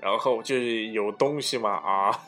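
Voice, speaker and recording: A man's voice: fairly low pitch, a little slow, pushed and bright, faint music behind. A man giving a casual dialect lesson, chatty and giggly, often correcting himself. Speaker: dialect teacher.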